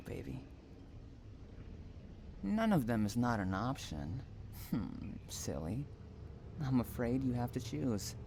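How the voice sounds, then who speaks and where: In an intimate audio roleplay, a man plays an obsessive, unhinged stalker and kidnapper, taunting the listener and swinging between soft coaxing and menace. His mid-range voice is gravelly, and there's a slight hiss or hum on the recording.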